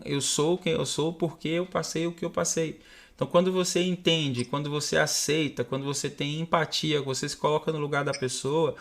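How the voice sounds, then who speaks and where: A man's voice: a little high, gravelly. A young man, the guest of a live stream, earnestly telling a personal story, often restarting his sentences. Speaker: guest sharing personal testimony. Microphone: webcam setup at home.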